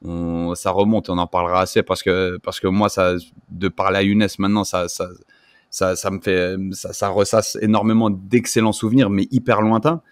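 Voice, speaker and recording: A man's voice: low voice, level tone, moderate pace, no echo, clean studio sound. A man co-hosting a casual chat show, rambling through his setup with repeated words. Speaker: co-host.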